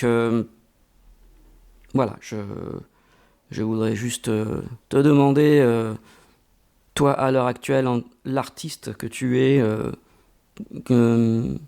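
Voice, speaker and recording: A man's voice: mid-range voice, gravelly, warm tone. A man answering interview questions in a reflective way, with frequent hesitations and repeated words. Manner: slow and halting, many hesitations and repeated words. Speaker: interviewee, amateur voice actor.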